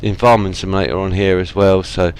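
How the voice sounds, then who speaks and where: Guy rambling over his truck game, low gravelly voice, bit of hiss behind. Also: level tone, a little fast. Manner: rambling, self-deprecating, apologetic asides. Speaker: gaming channel host. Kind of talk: casual let's-play commentary. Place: home gaming setup.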